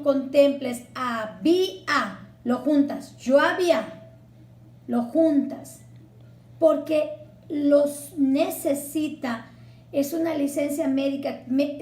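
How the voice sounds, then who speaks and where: A woman's voice: high-pitched, mellow, reverberant. A woman teacher from Mexico, patiently explaining a Spanish lesson and spelling words out syllable by syllable. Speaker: secondary school Spanish teacher.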